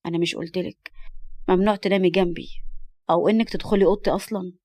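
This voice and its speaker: شاب حازم يحمي من يحب تؤديه امرأة. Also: female voice, on the low side, steady tone, rapid-fire, dark tone, natural voice. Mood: stern tender. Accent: Egyptian Arabic. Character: stern young man, protective guardian.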